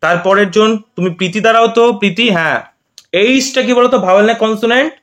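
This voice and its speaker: A man's voice: high voice, fast, fairly bright tone. A man teaching a mock primary class, asking the students questions and having them repeat sounds aloud. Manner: asks the class questions and drills pronunciation. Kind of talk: mock classroom demo lesson.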